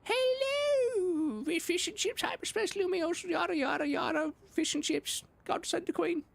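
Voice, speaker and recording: A man's voice: extremely high pitch, measured pace, gravelly, voice pushed up, full character voice. A man voicing a mock posh British woman leader in an exaggerated parody accent, babbling nonsense phrases.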